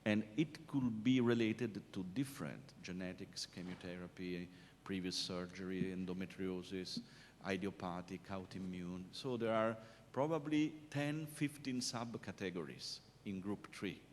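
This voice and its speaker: A man answering questions as a panelist at a conference discussion, explaining emphatically with frequent hesitations. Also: a little slow. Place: conference hall. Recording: reverberant conference hall, faint rumble.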